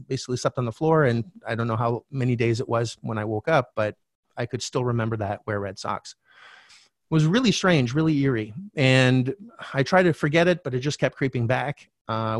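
A middle-aged man, a podcast guest and real estate coach, telling a candid personal story in a frank, animated way, swearing casually. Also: medium pitch, no room sound, clean studio sound.

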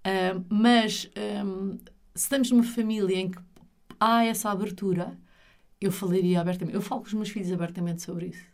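A woman's voice: medium pitch, fairly even intonation, moderate pace, darkish tone. A middle-aged woman with a European Portuguese accent, speaking as an interview guest in an earnest, emphatic, explanatory way. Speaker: interview guest, retreat leader.

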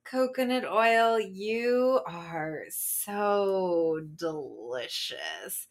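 A woman speaking in a slow, sensual guided-meditation style, murmuring breathily right up close to the ear. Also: medium pitch, expressive. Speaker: host of a sensual devotional show.

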